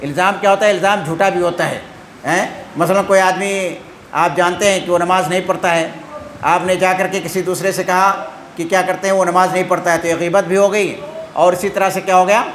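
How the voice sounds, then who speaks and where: A man with a high-pitched voice gives a religious lesson. He keeps asking questions and then answers them himself. The room echoes, with a faint background hiss. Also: steady tone, fairly bright tone. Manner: constantly asks questions and answers them himself, tagging "hain?". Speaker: Islamic teacher. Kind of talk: religious lesson quizzing listeners.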